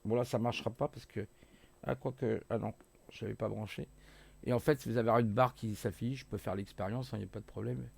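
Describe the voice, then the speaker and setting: Guy with a gravelly voice, rambly hobby tutorial, lots of euh and restarts. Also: lowish voice, fairly even intonation, brisk, a little mellow. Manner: rambling, hesitant, many fillers and self-corrections; jokey asides. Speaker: hobbyist electronics youtuber. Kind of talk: casual screen-share tutorial.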